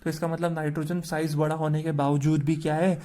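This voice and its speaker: A man's voice: a little high, little pitch movement, a little fast, mellow. A man teaching a chemistry lesson, asking questions and answering them himself.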